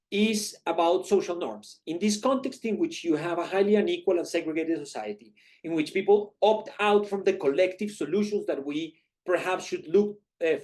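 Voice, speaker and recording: A man's voice: high-pitched, darkish tone. A man from Colombia, giving a university lecture as a guest economist, methodically posing questions and then answering them.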